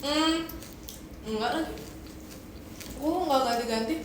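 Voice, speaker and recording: A woman chatting playfully and giggling on a livestream, thanking viewers, her voice booming in strong hall-like echo. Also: unhurried. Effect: strong booming echo like a big hall. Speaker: livestream co-host. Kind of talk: casual chat on a livestream. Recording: heavy room echo, faint noise.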